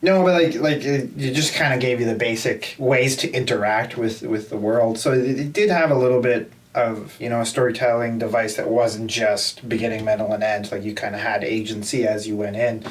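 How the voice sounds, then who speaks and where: A man's voice: mid-range voice, steady tone, fairly quick, few pauses. An older man co-hosting a gaming podcast, rambling in a laid-back way, recorded on a distant mic. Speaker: podcast co-host. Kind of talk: casual chat.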